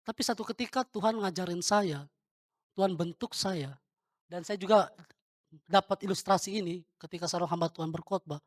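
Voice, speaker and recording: A man's voice: high voice, normal speed, no room sound, studio quality. A male pastor giving an informal sermon, talking straight to the congregation and throwing questions at them.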